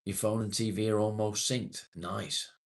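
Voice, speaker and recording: With a fairly low pitch, a level tone and a measured pace, this man hosts a casual livestream. He's in his late forties, going through viewer comments in friendly, matey chat with the occasional swear.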